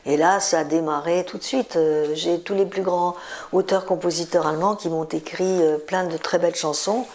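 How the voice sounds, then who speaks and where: A woman's voice: lowish voice, steady tone, moderate pace, a little mellow. A woman in her seventies, a singer, telling stories in a chatty interview, repeating words for emphasis. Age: 70s. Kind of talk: relaxed interview storytelling.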